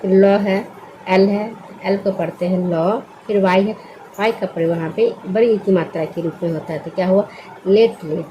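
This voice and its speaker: A woman's voice: mid-range voice, steady tone, moderate pace, highs cut off, background noise. A woman teaching English spelling word by word, patiently asking questions and answering them herself. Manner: patient, asks and answers her own questions. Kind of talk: slow spelling lesson.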